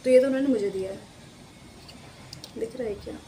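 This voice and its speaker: Woman, casual home vlog, chatty and rambling, mellow tone, faint room hum behind. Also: on the high side, a little fast. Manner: chatty and rambling, addresses viewers directly. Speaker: vlogger.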